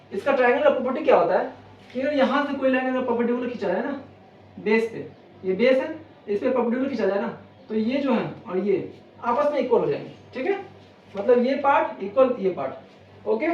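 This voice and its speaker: A man's voice: very high voice, lively intonation, brisk, long pauses. A man teaching an exam-prep maths lesson, walking through each step and repeating questions back to the viewer before answering them. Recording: roomy, distant, dull lo-fi sound, faint noise.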